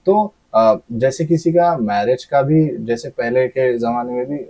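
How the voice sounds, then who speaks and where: A man's voice: medium pitch, measured pace, low-quality recording. A man hosting a podcast interview in a casual style, humming along often and mixing English words into his questions. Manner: steady backchannel hums, mixing in English words. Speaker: podcast host. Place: podcast studio.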